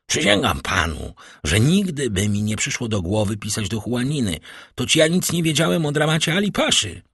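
A man's voice: mid-range voice, big pitch swings, moderate pace, gravelly, fairly bright tone, husky, dry recording, voice pushed up, full character voice. A male narrator voicing an older banker, frightened and indignant, who talks in a blustering, defensive way.

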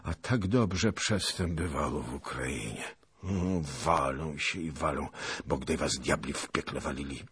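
A man voicing a grumbling, boastful old nobleman who mutters curses and prayers, then shouts excitedly. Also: very deep voice, a little slow, breathy edge, dry recording, exaggerated voice.

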